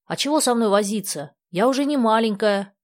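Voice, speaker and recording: Storybook figure: a woman playing a begging, excitable schoolgirl, high and breathless with eagerness. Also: fairly quick, no room sound, studio quality, close to an everyday voice. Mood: eager. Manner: pleading, eager. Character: eager young girl, pleading and excitable.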